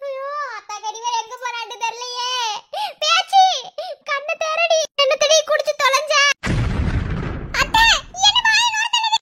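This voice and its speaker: Woman doing frantic old granny w madurai accent, crying, super high bright voice. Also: expressive, a little slow, full character voice. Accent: Madurai Tamil. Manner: wailing, frantic, repeats names. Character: panicking old village grandmother.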